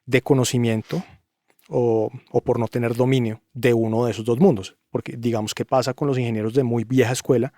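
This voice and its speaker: A man's voice: mid-range voice, fairly even intonation, a little fast, dark tone, dry recording. A man guesting on a podcast interview, talking emphatically and with strong opinions. He keeps pressing his point with rhetorical questions in a middling voice. The sound is close and dry. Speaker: guest, audio engineer.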